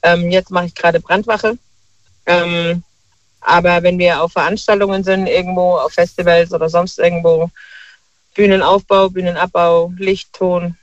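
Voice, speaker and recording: A man calls in to a talk show over a dull, dry phone line. His voice sits high for a man. He talks in a relaxed, hesitant way with many fillers. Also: moderate pace, no room sound. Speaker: caller. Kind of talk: casual phone-in chat. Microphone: telephone.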